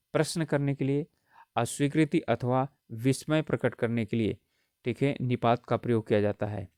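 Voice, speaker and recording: Man teaching grammar, smooth and dry. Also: medium pitch, a little mellow, dry recording. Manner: explains patiently with frequent "ठीक है" check-ins; repeats key points for emphasis. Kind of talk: exam-prep lecture.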